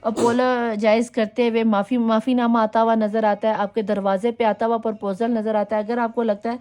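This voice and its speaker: Female tarot reader, Pakistani accent, friendly coaxing chatter, mellow tone. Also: a little high, little pitch movement. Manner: chatty and coaxing, mixes English phrases into Urdu. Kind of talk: casual tarot reading to viewers.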